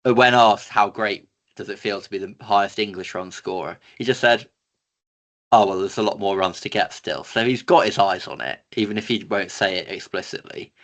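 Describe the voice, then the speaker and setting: A man's voice: fairly low pitch, normal speed, a bit bright. A young man co-hosting a casual sports chat, confident and cheeky, stating bold opinions. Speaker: co-host.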